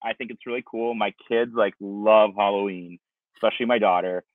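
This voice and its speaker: A Russian-born company founder in his forties joins as a guest on a video call from an outdoor patio, using wireless earbuds. His voice is fairly low with a steady tone and a fairly quick pace, and the audio is dry and thin like a phone, with no echo. He rambles through interview questions, with many restarts and fillers.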